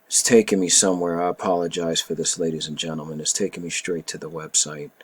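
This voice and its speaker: A man with a deep, husky voice talks through a bill in casual opinion commentary. He is emphatic and animated, and keeps circling back to reread and repeat key phrases. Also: quick pace.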